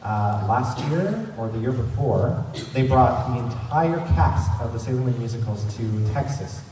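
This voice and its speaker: A man with a warm, mid-range voice and lively intonation hosts a convention panel at a measured pace, giving an informal, rambling, enthusiastic fan presentation. He's recorded from far off in a large, echoey convention centre room, with noise and room sound.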